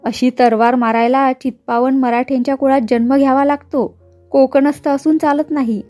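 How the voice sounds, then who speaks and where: A haughty young college girl, sarcastic and taunting, as a woman reads her. The voice is high but warm and soft-edged. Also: fairly even intonation, moderate pace, soft background music, close to an everyday voice. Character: mocking, haughty young female college student.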